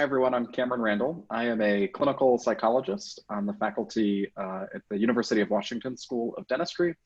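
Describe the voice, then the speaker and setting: A man introduces himself earnestly over a video call, pausing often with fillers. His voice is low and husky. The call audio sounds dull and muffled. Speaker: clinical psychologist.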